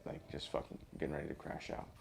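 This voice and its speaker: A man's voice: fast, slight background noise. A young man telling a long story in a rambling, casual podcast chat, full of swearing and fillers. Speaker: podcast host.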